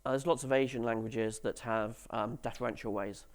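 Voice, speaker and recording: A man's voice: mid-range voice, fairly even intonation, moderate pace. A man giving a conference talk to developers, with dry, sarcastic humour and questions to the audience, on stage in a conference hall. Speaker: conference speaker.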